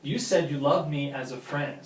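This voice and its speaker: At a script table read, an actor voices a lovesick, wounded man confessing his love to a friend, delivering naturalistic film dialogue in a halting, emphatic way with a hurt, sarcastic bite. His slightly high voice is lightly acted, picked up by a distant mic with roomy echo and faint noise.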